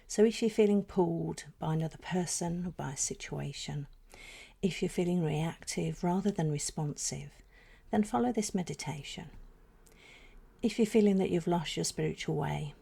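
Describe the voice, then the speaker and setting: A woman guides a meditation in a soft, breathy, fairly low voice that often fades nearly to a whisper. She speaks slowly and soothingly, leaving deliberate pauses.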